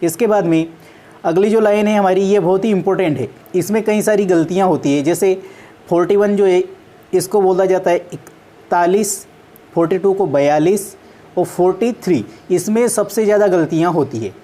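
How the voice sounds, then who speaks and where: Patient, mellow-voiced woman maths teacher. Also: fairly low pitch, moderate pace. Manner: patient, spells out correct number names one by one. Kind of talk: classroom lesson video.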